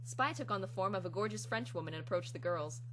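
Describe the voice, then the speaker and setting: A woman's voice: mid-range voice, expressive, fast talker. A woman giving a theatrical, hammy dramatic reading of fan fiction as its narrator. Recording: clear hum and background noise.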